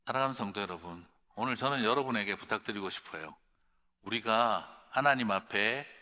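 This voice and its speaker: A male pastor preaching an evening sermon, swinging from hushed whispers to loud outbursts. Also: lowish voice. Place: large church or conference hall. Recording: reverberant large hall.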